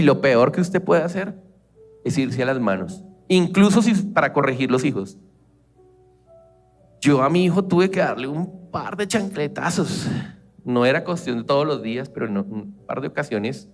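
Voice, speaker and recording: A man's voice: a little high, unhurried, faint music behind. Colombian man preaching conversationally. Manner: lively, conversational preaching, acting out family quotes. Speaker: church leader. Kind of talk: sermon.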